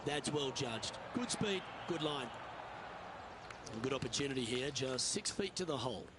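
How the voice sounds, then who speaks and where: A man's voice: medium pitch, expressive, moderate pace, heavy background noise. A man working as lead golf commentator, calling play live in short phrases.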